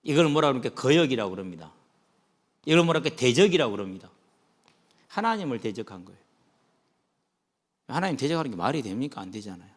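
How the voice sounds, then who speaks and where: A man preaching a sermon to students as their pastor, animated, swinging between soft low passages and loud high ones. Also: fast, pauses often. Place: church sanctuary. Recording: long hall reverb.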